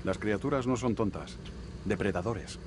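A man's voice: lowish voice, moderate pace, background noise, lightly acted. A man playing a hard-nosed marine lieutenant in a video game, firm and terse, with a Castilian Spanish accent. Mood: grim. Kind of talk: dramatic game dub acting.

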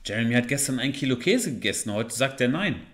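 A man with speech giving exasperated, animated commentary while reacting to a video. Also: medium pitch, fast talker. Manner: exasperated, animated, swears and laughs.

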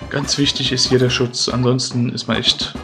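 Gravelly-voiced male gamer, live let's-play commentary, loud game music under him. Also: mid-range voice, little pitch movement, moderate pace. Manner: eager urging of the game, repeated "komm". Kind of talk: gameplay commentary.

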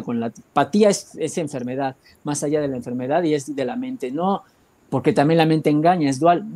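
A man with a Mexican accent giving a rambling spiritual talk, often searching for words and filling pauses. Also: fairly high pitch, a little mellow. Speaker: guest speaker.

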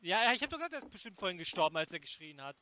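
A man's voice: high voice, sing-song, very fast, crowd noise. A man bickering in casual gaming chat, grumpy and insulting.

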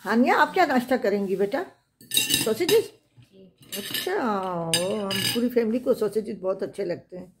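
Her mid-range voice lively in intonation and moderate in pace, an older woman from Pakistan narrates as she cooks and cleans her home kitchen. This chatty grandmother and cooking vlogger keeps calling to the children, with a noisy background and clattering dishes and cutlery.

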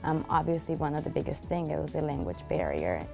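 A woman's voice: low-pitched, very animated, a little fast, gravelly, warm tone, soft background music. A young woman from Peru, a graduate student speaking earnestly in an interview with many fillers. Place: library room. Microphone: lapel.

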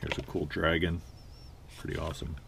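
A man's voice: a bass voice, completely flat delivery, brisk, vocal fry, heavy background noise. A man giving a casual tour of his small home workroom, rambling with many fillers, recorded on a head-mounted camera. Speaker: online reseller. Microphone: head-mounted action camera.

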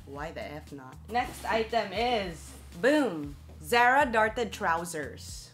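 A woman's voice: medium pitch, sing-song, slow pace, a bit bright, faint music behind. Chirpy young woman doing a haul video. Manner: chirpy, playful, slangy, exclamatory. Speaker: vlogger. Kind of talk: chirpy casual clothing haul vlog. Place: small bedroom at home.

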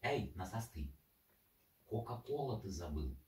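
A man's voice: on the low side, sing-song, a little slow, darkish tone, a little hiss or hum. A man chatting casually to his pet, in a teasing, coaxing manner. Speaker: parrot owner. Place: indoor room, off camera. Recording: echoey room, distant microphone.

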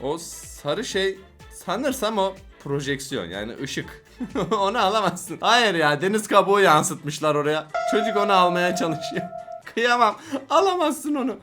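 A man chats through a string of funny videos in a loose, joking way, laughing often and teasing the children on screen. His pitch leaps up and down with every reaction. Soft music plays underneath. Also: big pitch swings, measured pace. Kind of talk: casual reaction commentary.

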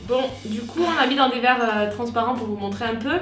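Woman, 20s, expressive, giggly challenge host, casual slang, echoey living room with light music behind. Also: on the high side, brisk, recorded from a distance. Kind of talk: casual chat.

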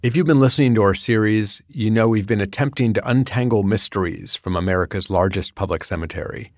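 Low-voiced man narrating a radio documentary. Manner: measured, storytelling delivery. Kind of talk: scripted narration.

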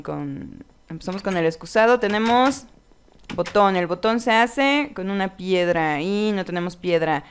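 A woman's voice: fairly low pitch, a little hiss or hum. Playful woman gaming. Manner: playful, chatty, talks to her game pets. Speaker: let's play gamer. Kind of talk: casual gameplay commentary.

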